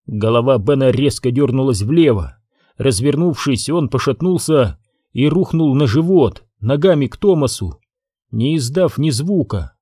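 A man narrates an audiobook at an unhurried pace, his voice dark and mellow. His delivery is measured but lively in pitch, recorded close and dry. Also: breathy edge, dry recording.

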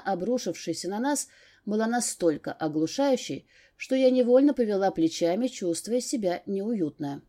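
Mellow woman narrating a fantasy audiobook. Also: mid-range voice.

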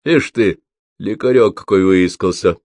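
A gruff yet kindly sick old peasant man coaxes and grumbles in a low voice, as a man reads him. The storybook read sounds dry and close. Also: a little slow, a little mellow, no room sound.

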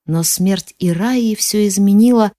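A woman narrating a first-person audiobook in an expressive, sometimes hushed manner. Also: mid-range voice, a little slow, dry recording, studio quality.

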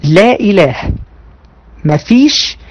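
Animated Egyptian woman teaching religion. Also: mid-range voice, takes it slowly, low-quality recording. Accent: Egyptian Arabic. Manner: animated, conversational, rhetorical questions to the class. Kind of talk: online lecture to women students.

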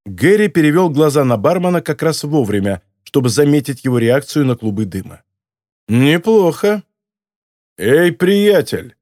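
A man narrating an audiobook in an even, measured storytelling voice. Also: mid-range voice, dry recording, clean studio sound. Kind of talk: scripted narration.

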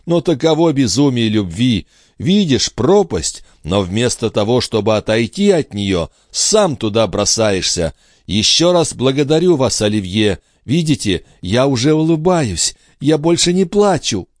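A man's voice: medium pitch, sing-song, measured pace, no echo, studio quality, voice pushed up. A man voicing an anguished queen in love in an audiobook, speaking in a breathless, pleading way. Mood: impassioned. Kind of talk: audiobook character voice.

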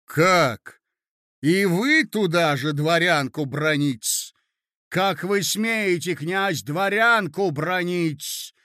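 Shrieking provincial gossip, loud and indignant; male reader voicing. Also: high voice, extremely slow, no room sound, studio quality, voice pushed up, full character voice. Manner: shrieking, indignant, adds a servile '-s' to words. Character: shrill spiteful gossipy provincial lady.

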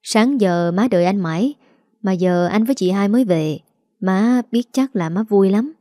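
A woman's voice: medium pitch, normal speed, dark tone, no room sound, clean studio sound, lightly acted. A woman doing a hot-tempered bullying man. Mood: sheepish. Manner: roaring, cursing. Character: hot-tempered grown son, crude and bullying.

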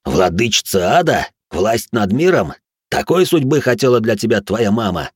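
A man's voice: on the low side, big pitch swings, moderate pace, breathy edge, no room sound, clean studio sound. A man voicing a blunt male ex-soldier who speaks in a mocking, slangy way. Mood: scornful.

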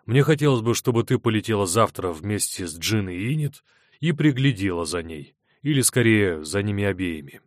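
A man's voice: fairly low pitch, animated, normal speed, no room sound, studio quality, close to an everyday voice. A man voicing an irritable middle-aged businessman, curt and grumbling, in an audiobook.

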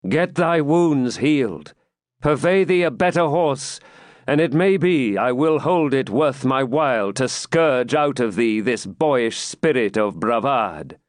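A man's voice: mid-range voice, animated, slow pace, no room sound, studio quality. A man reading aloud and voicing a haughty Templar knight, scornful and fierce.

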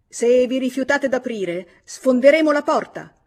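A woman's voice: high-pitched, expressive, a little slow, pitched above the performer's own voice. A woman reading aloud, voicing an angry young male journalist catching his wife in an audiobook. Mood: furious. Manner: heated, vehement, clipped.

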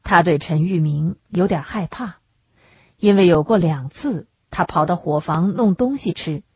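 A woman narrating an audiobook in a measured, even storytelling manner, recorded close on the mic. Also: fairly low pitch, husky, no room sound. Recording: dull lo-fi recording.

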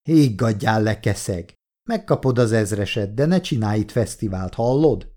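A man's voice: fairly low pitch, animated, warm tone, lightly acted. A man doing a curt, tough young man. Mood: stern.

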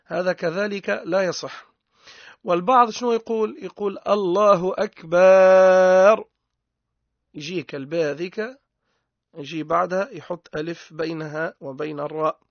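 A man's voice: high voice, normal speed, creaky, long pauses, dry recording. A Tunisian man teaching a religious lesson in an emphatic way, mixing dialect with formal speech and drawing out words to show mistakes. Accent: Tunisian Arabic. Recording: dull lo-fi dry recording.

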